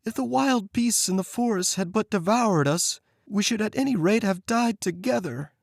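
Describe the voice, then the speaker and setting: A man's voice: high-pitched, lively intonation, normal speed, gravelly, no room sound, studio quality, voice pushed up, heavily acted. A man voicing a frightened young girl in a storybook reading. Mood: pleading.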